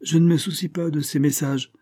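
A man's voice: mid-range voice, moderate pace, dark tone, natural voice. A man reading aloud, voicing an irascible, gouty old English earl who growls out scornful outbursts. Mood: angry.

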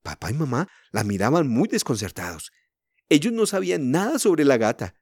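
A man from reading a children's story aloud in an expressive way, speaking to young listeners. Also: medium pitch, moderate pace, slightly rough, dry recording, studio quality.

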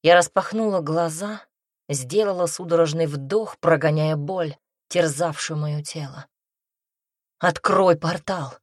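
A woman narrating a first-person audiobook in an intimate, expressive manner, close to the mic. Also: deep voice, unhurried, no room sound.

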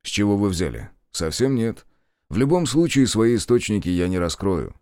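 A man reading as a cold wartime investigator, clipped and probing, speaking in a deep low voice. The sound is dry and close to the mic. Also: very animated, normal speed, darkish tone, smooth, no room sound.

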